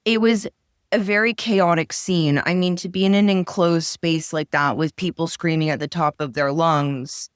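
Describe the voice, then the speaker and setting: Woman telling what happened, urgent, bursts of words, clean smooth voice. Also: sits low, no room sound, clean studio sound. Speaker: interviewee, witness. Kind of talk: recounting events in an interview.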